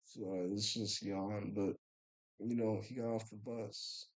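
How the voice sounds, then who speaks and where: This young vlogger has a fairly low voice, keeps his tone level, and talks a little slowly. His story wanders in an easygoing way, stuffed with "you know" and "bro," with his words frequently fading into mumbles.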